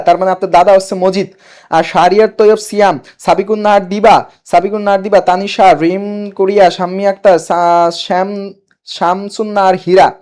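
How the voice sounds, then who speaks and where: A man's voice: sits high, darkish tone. Man teaching a live online class. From Bangladesh. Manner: repeats key answers, reads viewer comments aloud. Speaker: online admission coaching teacher.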